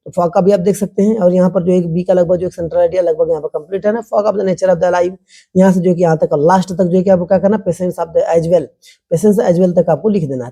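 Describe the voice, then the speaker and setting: Husky dark-voiced teacher going over exam answers. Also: medium pitch. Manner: repeats "ठीक है ना", calls viewers "my dear children"; reads English answer lines slowly.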